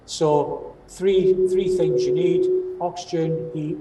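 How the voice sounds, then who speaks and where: Scottish guy w broad accent doing a training talk, mellow dark voice, echoey, bit far off the mic. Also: a little high, fairly even intonation, slow. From Scotland. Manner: explanatory, often checking understanding with "okay?". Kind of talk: training presentation. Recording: distant mic, roomy echo, faint noise.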